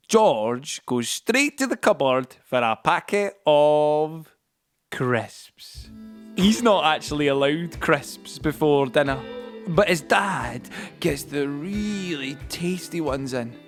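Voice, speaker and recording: This actor-narrator, a man with a fairly high, animated voice, speaks at a slow pace while playing a young Scottish man. He tells his story confidingly and colloquially in an audio-play monologue set against a music score.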